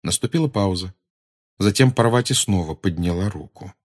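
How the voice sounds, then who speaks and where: A man narrating an audiobook in a steady, measured reading voice. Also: low-pitched. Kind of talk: scripted narration.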